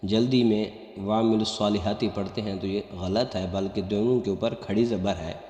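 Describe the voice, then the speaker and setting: A man teaching correct Quran recitation, explaining pronunciation mistakes and then chanting the verses in a high, drawn-out melody. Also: steady tone, warm tone. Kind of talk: slow tajweed lesson with chanted recitation. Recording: echoey room with long reverb.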